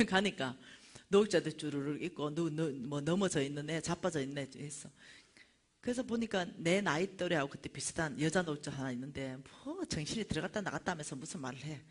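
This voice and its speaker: Middle-aged woman, church lecturer, very lively and swooping delivery, tells stories and acts out voices. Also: sits low, a little fast. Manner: animated, acts out voices of the people in her stories. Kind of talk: storytelling lecture to a church audience.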